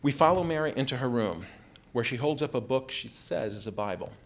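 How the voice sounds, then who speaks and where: This is a live theater recording of an American man in his fifties reading his own personal essay to an audience, measured in pace as he dramatizes quoted family dialogue. His medium-pitched voice is expressive. Background room noise and ambience are present.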